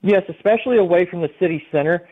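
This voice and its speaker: A man's voice: high-pitched, quick pace. A man giving a live eyewitness report as a storm chaser in a phone interview. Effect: phone line. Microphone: telephone. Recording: thin, narrow-band phone line.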